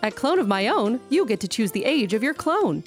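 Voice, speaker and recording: An actress voicing a perky phone hold announcer with an upbeat sales pitch. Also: female voice, big pitch swings, fairly quick, faint music behind.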